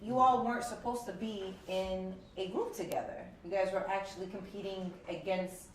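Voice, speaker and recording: A woman's voice: mid-range voice, fairly even intonation, normal speed, a little hiss or hum. A woman hosting a live casual interview, bubbly and laughing often. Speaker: host. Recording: roomy distant sound with crowd.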